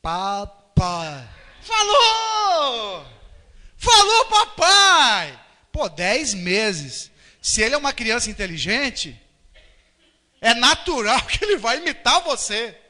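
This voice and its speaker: A man with a Brazilian Portuguese accent preaching a lively sermon as a pastor, acting out quoted voices. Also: extremely high pitch, a little slow. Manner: animated, acts out quotes and voices. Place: church hall. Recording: live church recording with long reverb.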